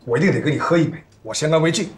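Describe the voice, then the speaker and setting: An actor playing a jovial, flattering property boss who toasts his guests. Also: fairly high pitch, very fast, close to an everyday voice. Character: flattering, jovial male tycoon at a banquet. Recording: roomy, from a distance.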